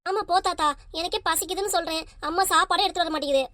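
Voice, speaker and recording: A woman's voice: extremely high pitch, racing, pushed and bright, no room sound, clean studio sound. A woman voicing a mischievous young child who teases and whines in a family cartoon. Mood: whiny. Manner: cheeky, teasing, whiny. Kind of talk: cartoon dub acting.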